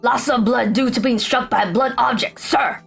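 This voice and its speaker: A woman's voice: fairly high pitch, normal speed, creaky, a bit bright, faint music behind. Woman playing a bumbling male detective, clipped, stiff, soldierly replies. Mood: dutiful.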